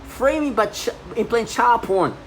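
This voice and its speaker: Captured in a noisy home recording, this woman in her thirties rambles through a personal monologue, agitated, repeating herself, and starting over often. Her voice sits on the high side and is animated, though her pace stays measured.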